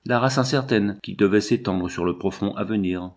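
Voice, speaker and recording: A man narrating a classic novel with an expressive, varied delivery. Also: fairly low pitch, normal speed. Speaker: audiobook reader. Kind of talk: literary narration.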